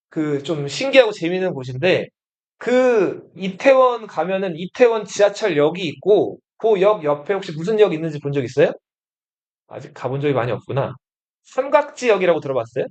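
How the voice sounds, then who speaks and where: A man teaches history to a room of students, asking them question after question and repeating their answers. His voice sits high and swings up and down a lot. The recording sounds dull and lo-fi. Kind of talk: classroom lecture to students.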